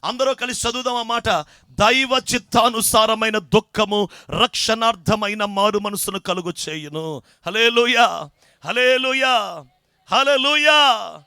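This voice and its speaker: A man preaching a fervent sermon as pastor, with a repetitive chanting cadence and rising shouts. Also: sits high, a little slow, smooth, no room sound, clean studio sound.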